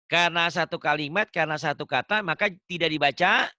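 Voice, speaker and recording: A man's voice: a little high, fast, pushed and bright. A man teaching tajwid one-on-one, patient and questioning, repeating his points over and over. He quizzes the student and explains the rules step by step. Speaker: Quran recitation teacher.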